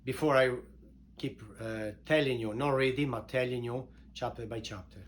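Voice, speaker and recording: A man from Italy with an Italian accent, informally introducing his book in halting non-native English, repeating words for emphasis. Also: mid-range voice, steady tone, a little hiss or hum. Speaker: author and show host introducing his book.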